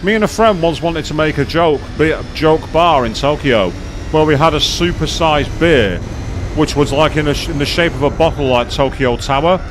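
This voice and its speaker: A man's voice: fairly high pitch, normal speed, noisy background. A man chatting casually on a live gaming stream, rambling with many fillers and restarts as he explains things to viewers.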